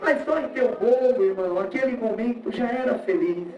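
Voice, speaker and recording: A man's voice: extremely high pitch, brisk, a little mellow. Brazilian man, church testimony, tells his story in character, heard from far off on a dull lo-fi recording. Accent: Brazilian Portuguese. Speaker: church member giving testimony. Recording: echoey, distant, lo-fi room recording.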